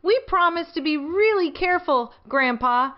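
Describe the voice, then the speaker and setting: A woman voicing an eager little girl piglet from a children's storybook, excited and childlike. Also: sits high, moderate pace, muffled recording, voice pushed up.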